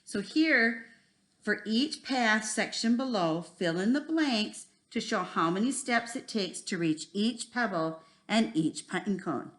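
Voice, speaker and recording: A woman's voice: medium pitch, animated, slow pace, fairly bright tone. A woman teaching a first grade lesson, talking simply and encouragingly to children like a kids show host. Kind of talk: instructional math video lesson for young children.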